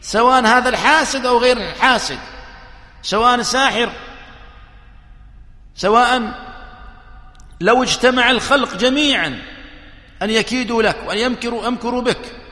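A man preaching a religious sermon, slow and emphatic, counting his points one by one. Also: very high voice, sharp tone. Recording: echoey hall with long reverb.

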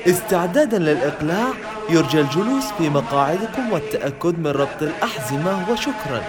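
A man's voice: on the high side, animated, quick pace. Man giving a formal cabin announcement. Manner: formal and courteous, addressing young children. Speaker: pretend flight announcer for kindergarten children. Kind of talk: scripted airline-style cabin announcement. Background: music.

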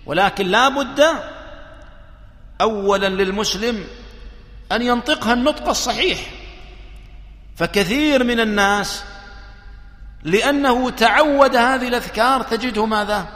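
A man preaching a religious sermon, slow and emphatic, counting his points one by one. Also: extremely high pitch, a bit bright. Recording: echoey hall with long reverb.

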